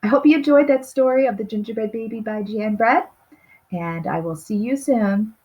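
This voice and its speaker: A storybook reader with a fairly high, slightly mellow, husky voice reads a picture book to little kids at a normal pace. She stretches key words expressively and keeps asking her listeners questions.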